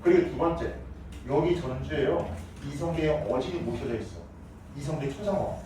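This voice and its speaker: A man's voice: a little high, normal speed, slight background noise. A man teaching a middle school history class, lecturing and asking his students questions. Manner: lively, asks students questions. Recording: echoey classroom from far off.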